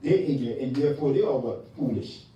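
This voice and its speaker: A man's voice: mid-range voice, fast talker, dark tone, lo-fi sound, a little hiss or hum. A man leading a Bible class, calling on a reader and explaining verses with emphatic questions to the room. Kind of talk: call-and-response Bible teaching. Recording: echoey room from far off.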